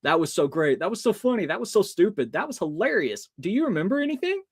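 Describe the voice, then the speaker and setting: As a podcast guest, this early-thirties American man talks fast in a high, slightly rough voice with big pitch swings. His animated personal stories are full of expressively acted-out dialogue.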